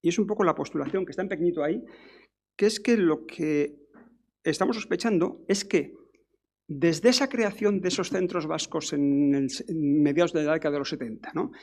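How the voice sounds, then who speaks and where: Gravelly-voiced man giving a lecture. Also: fairly high pitch, fairly quick, a little mellow. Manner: discursive, many restarts and tag questions. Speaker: academic speaker. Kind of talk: conference lecture.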